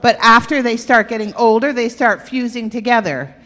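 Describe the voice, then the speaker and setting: This health presenter has a slightly high, fairly bright voice with fairly even intonation and a moderate pace. She playfully fires questions at her audience in an echoey church hall with a stage and aisle.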